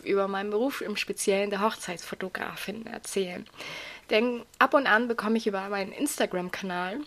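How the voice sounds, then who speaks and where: Woman, young adult, hoarse raspy voice, medium pitch, casual solo podcast host, chatty. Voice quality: raspy, grating voice.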